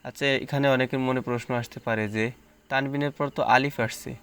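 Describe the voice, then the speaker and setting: A man teaching Quran reading, spelling out letters and reciting words slowly between plain explanations. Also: medium pitch, steady tone, a bit bright, smooth.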